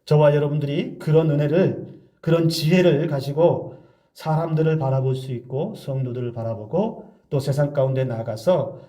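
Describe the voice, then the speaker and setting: A man's voice: mid-range voice, dark tone. A male pastor giving a conversational sermon, asking the congregation rhetorical questions and acting out everyday examples.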